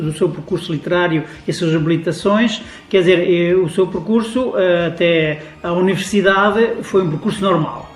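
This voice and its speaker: A man interviewing a diplomat for radio, asking polite, formal questions full of filler sounds. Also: high-pitched. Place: guest's office. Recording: echoey room.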